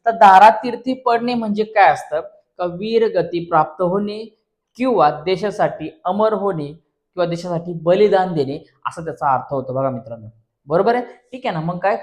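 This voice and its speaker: A man teacher with a Marathi accent explaining an exam paper step by step, repeatedly asking and answering his own questions. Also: high-pitched. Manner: repeats questions back, addresses friends.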